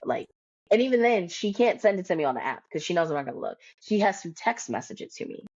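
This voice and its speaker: A woman's voice: on the low side, big pitch swings, quick pace, a little mellow, breathy edge, dry recording, muffled recording. A woman from the United States, a career coach and podcast guest, talking boldly and bluntly in casual conversation and laughing often.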